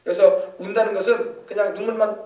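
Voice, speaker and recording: A man's voice: high-pitched, steady tone, a little fast, mellow, reverberant, recorded from a distance. A male pastor preaching a sermon with emphasis, often asking the congregation to confirm. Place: church sanctuary.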